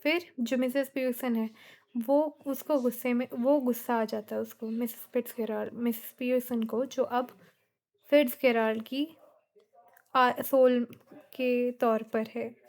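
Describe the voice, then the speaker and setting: A woman, teaching a class by retelling a play line by line and quoting the characters' dialogue in a plain, steady way. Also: a little high, unhurried.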